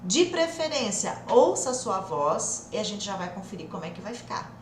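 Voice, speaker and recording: A woman with a Brazilian Portuguese accent teaching an online English lesson, lively and direct, stretching words for emphasis. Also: mid-range voice, moderate pace. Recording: echoey room with faint noise.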